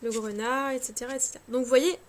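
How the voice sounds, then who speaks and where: A high-voiced woman talks casually at home, full of hesitant fillers and restarts and gently mocking herself. She sounds a little tired. Faint scratching noise sits behind her voice on the camera mic. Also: steady tone, fast. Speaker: cartomancy vlogger. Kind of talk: casual chat showing card decks.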